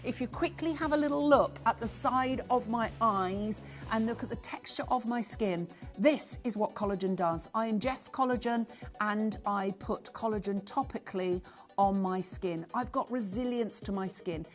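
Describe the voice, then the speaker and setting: A woman in her sixties fronts a live shopping broadcast, her voice pitched a little high as she pushes urgency and reels off callers' names. Soft music hums faintly under her studio chat. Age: 60s. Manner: chatty, rapid roll-call of buyers, upbeat urgency. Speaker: shopping channel presenter.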